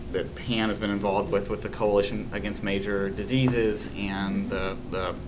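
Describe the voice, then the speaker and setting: A man responding formally as a meeting official, in halting, tentative phrases. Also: flat delivery. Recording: meeting microphone, clear rumbling noise.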